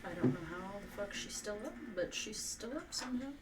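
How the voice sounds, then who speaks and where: A woman's voice: mid-range voice, lively intonation, brisk, heavy background noise. A woman talking casually as a player at a tabletop role-playing game. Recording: distant mic, loud music behind.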